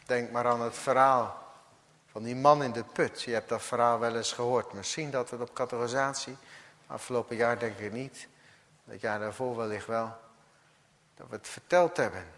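A man preaching a sermon as a pastor, slow and deliberate, now and then acting out the figures of a parable. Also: mid-range voice, steady tone, fairly bright tone, in a large hall.

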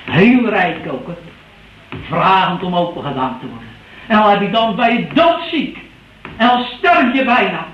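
Male preacher, high voice, earnest pleading sermon delivery, distant mic in a roomy church. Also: very animated, moderate pace, a little hiss or hum. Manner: earnest, pleading, with many rhetorical questions and tag words. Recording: echoey church recording from a distance, dull sound.

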